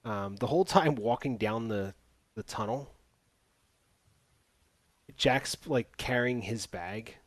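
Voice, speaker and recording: A man's voice: lowish voice, takes it slowly, long pauses, no echo. A man hosting a casual podcast, recapping a movie's plot with sarcastic asides. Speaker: podcast host. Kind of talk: casual movie review chat.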